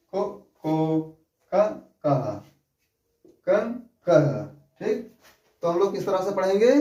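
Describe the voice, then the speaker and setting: A man teaching a lesson, speaking slowly and patiently, repeating syllables and asking rhetorical questions. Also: a little high, a little mellow, muffled recording. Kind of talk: classroom lesson on writing and pronunciation. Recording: echoey room, voice from a distance.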